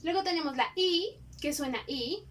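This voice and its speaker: A woman teacher, giving a phonics lesson to young children and sounding out each letter slowly and clearly. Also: high voice, a bit bright, far from the mic.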